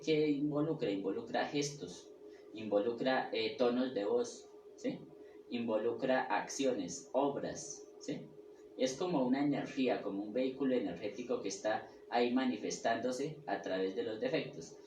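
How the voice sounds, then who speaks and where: A man giving a spiritual lecture, halting and restarting as he goes and checking in often with his listeners. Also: medium pitch, darkish tone. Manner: halting, with restarts and repeated words. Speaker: spiritual teacher. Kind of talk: lecture on the ego and personality. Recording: echoey room, mic far off, faint ambient noise.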